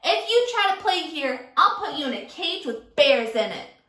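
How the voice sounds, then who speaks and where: A woman voicing a bossy little boy bully who yells boastful threats, in an echoey room. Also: high-pitched, very animated, a little slow, full character voice. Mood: yelling.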